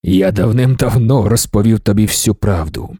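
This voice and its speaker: A man reading an audiobook, voicing an ancient god-emperor in a low, slow, commanding tone. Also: warm tone, breathy edge, no echo, clean studio sound. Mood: stern.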